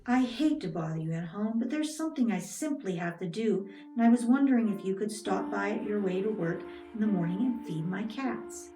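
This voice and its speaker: A woman's voice: mid-range voice, animated, moderate pace, darkish tone, natural voice. A woman storyteller voicing a falsely friendly, scheming cat owner with a sugary, coaxing manner. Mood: sweetly false. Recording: roomy, distant, music behind.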